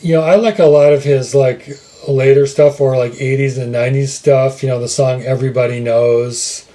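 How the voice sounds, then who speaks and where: A man co-hosting a podcast, speaking in a relaxed, measured way while reading out facts. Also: medium pitch, crowd noise. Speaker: podcast co-host. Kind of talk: casual chat.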